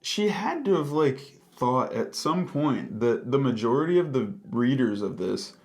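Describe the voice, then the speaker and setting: A man's voice: mid-range voice, sing-song, measured pace, a little mellow. A man co-hosting a casual book discussion, sounding exasperated and opinionated, peppering his talk with "like". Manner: exasperated, frequent filler "like".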